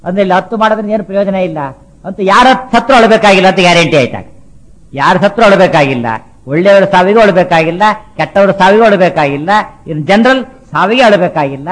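A man giving a spiritual discourse on scripture, repeating his points, asking rhetorical questions and chanting verses slowly. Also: a little high, a bit bright, rough recording. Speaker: religious speaker.

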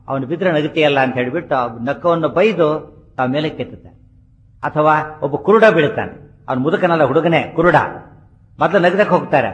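Man giving a scripture discourse. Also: on the high side. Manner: explanatory, chants Sanskrit verses slowly, rhetorical questions. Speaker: religious speaker. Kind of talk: Kannada religious discourse on scripture.

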